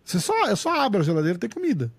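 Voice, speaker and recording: A man with a Brazilian accent hosting a podcast in casual, slangy chat, with a raspy voice. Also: high-pitched, huge pitch swings, racing, no echo. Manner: slangy, swearing, informal. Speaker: podcast host.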